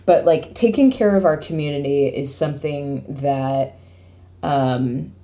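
Low, mellow-voiced woman. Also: unhurried. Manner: rambling, playful, filler-heavy. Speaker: podcast co-host, PR agency. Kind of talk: casual podcast chat.

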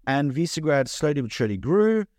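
A man from the United Kingdom, a guest on a podcast interview, speaks earnestly and fluently, often restarting his words. His fairly high, slightly mellow voice is very animated and brisk, captured in studio quality with no room sound.

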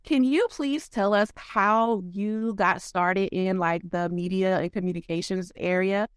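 A woman hosting a podcast who asks measured, polite questions. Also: medium pitch, clear, resonant tone, no echo, clean studio sound. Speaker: podcast host. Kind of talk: interview questions.

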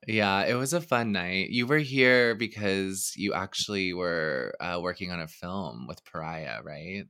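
A man's voice: low voice, a little slow, bright, forceful tone, clear, resonant tone, dry recording, clean studio sound. A man hosting a podcast in casual chat, rambling and often correcting himself. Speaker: podcast host.

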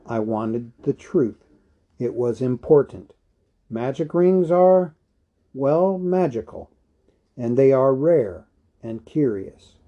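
A man's voice: mid-range voice, animated, slow, dark tone, muffled recording. A man voicing an old male wizard in a storybook reading, grave, watchful and patient, with a thoughtful, firm manner. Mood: earnest, firm.

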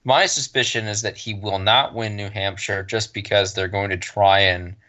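A man's voice: on the low side, fairly even intonation, moderate pace, pushed and bright. A man co-hosting a casual political podcast, speaking bluntly with frequent restarts and fillers. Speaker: podcast co-host.

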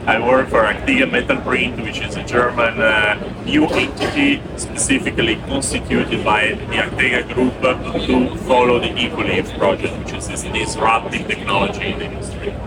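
A man from Italy, explaining his product slowly with many pauses, heard as a low quality stream. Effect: low quality stream, muffled and distant. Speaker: guest, sales director. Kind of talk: explanatory trade interview. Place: trade show floor. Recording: distant lo-fi audio with loud trade-show noise.

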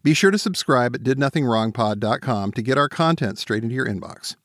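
Man, podcast co-host, measured speech, middle pitch, dry close sound. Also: lively intonation, a bit bright, dry recording. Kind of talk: political podcast talk.

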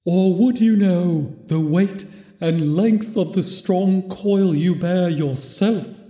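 Mournful ghost of an old miser, high slow wail, huge cavernous reverb, storybook style. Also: male voice, mellow. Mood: mournful, lamenting. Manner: slow, drawn-out, solemn wailing delivery. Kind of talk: dramatized storybook reading. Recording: very echoey, long reverb.

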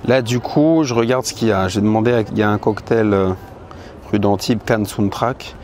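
A man in his thirties vlogs into a handheld camera outdoors on a busy city street, giving a candid, blunt, filler-heavy casual monologue. His voice is fairly low and darkish, at a moderate pace, and clear traffic and street noise run beneath every word of the noisy recording.

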